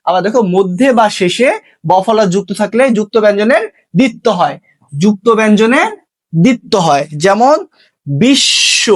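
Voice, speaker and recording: A man teaching an exam-prep lesson, repeating each rule slowly and checking in with his students. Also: high voice.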